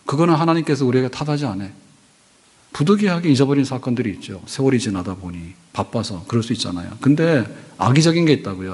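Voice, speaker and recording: A male pastor gives a Sunday sermon in a plain, mid-pitched voice. He talks to the congregation casually, building his points through stories and asking them questions. His voice carries a long reverb from the church sanctuary. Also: darkish tone, breathy edge. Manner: conversational preaching with anecdotes and rhetorical questions.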